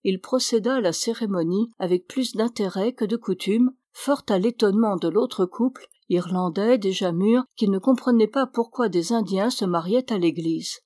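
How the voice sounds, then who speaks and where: Lady reading a novel out loud, steady, dry close sound. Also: medium pitch, normal speed, hardly any pauses, dry recording. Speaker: audiobook reader. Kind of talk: scripted narration.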